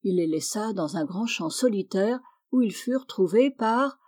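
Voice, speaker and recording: Woman, audiobook reader, mellow tone, expressive storybook narration. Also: mid-range voice, normal speed. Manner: expressive, lifts her voice for characters.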